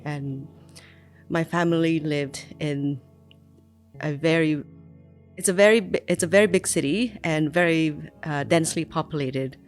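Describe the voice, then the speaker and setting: Her voice sits low and moves a little slowly over soft background music. This Vietnamese woman in her forties, a migrant, reflects on her childhood without a script, full of ums, likes and restarted sentences as she shares her life story.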